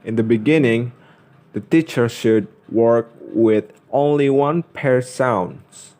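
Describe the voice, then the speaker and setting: A young adult man with a mellow, mid-range voice reads a scripted lesson as a student presenter. He goes carefully and haltingly, pausing in the middle of phrases.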